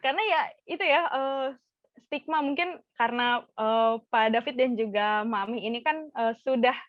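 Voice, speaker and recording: Hosting a casual podcast interview, this woman chats along with lots of fillers and murmurs of affirmation. She speaks at a moderate pace in a slightly high voice. The sound is dull, dry, and lo-fi, with no room sound.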